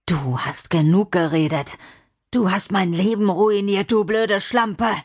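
A woman voicing a drunk, violent middle-aged man who snarls and hisses slowly in an audiobook. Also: on the low side. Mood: menacing. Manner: snarling, hissing, slow and menacing.

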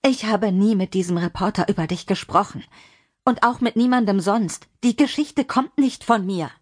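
A woman's voice: on the low side, flat delivery, slow pace, mellow, slightly rough, no room sound, clean studio sound. A woman doing a careful, placating mother. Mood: pleading. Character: calm middle-aged mother, pleading.

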